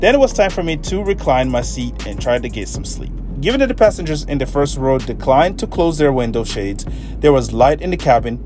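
A man in his thirties reviewing a flight in a measured, matter-of-fact way, filmed on a phone in an airplane cabin. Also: mid-range voice, very animated, over music. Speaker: travel vlogger. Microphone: phone held at arm's length.

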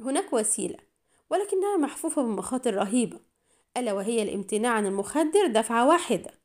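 A woman's voice: a little high, sing-song, fast talker. A woman reading the part of a hesitant, anxious male medical attaché in an audiobook. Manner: hesitant, hushed.

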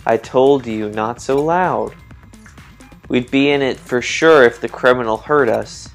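A man voicing a secretive young country girl detective in his own plain voice, talking low and conspiratorially. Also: unhurried, soft background music, lightly acted. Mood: hushed.

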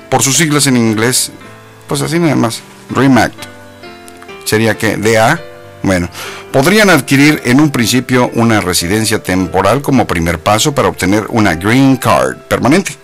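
Man hosting casual web radio, joking, playful delivery, mid-pitched voice, faint music underneath. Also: fairly bright tone. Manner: jokey, playful, mock-mispronounces English. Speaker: radio show host. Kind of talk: live internet radio talk.

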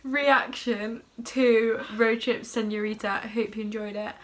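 A woman's voice: on the high side, steady tone, unhurried. A young woman hosting a casual reaction video in her bedroom, chatty and giggly, with music playing behind. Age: young adult. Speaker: vlogger host. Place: bedroom, indoors.

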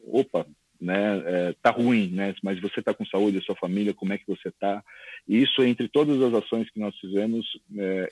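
A man's voice: fairly low pitch, darkish tone, husky, dry recording, low-quality recording. A man speaking earnestly as a panelist on a video call, rambling with many fillers. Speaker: panelist, company executive.

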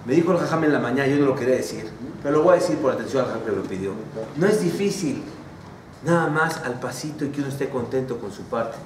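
A middle-aged man giving a sermon, animated and full of folksy diminutives, in an echoey hall heard from far off. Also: medium pitch, fast, slight background noise. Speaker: religious speaker.

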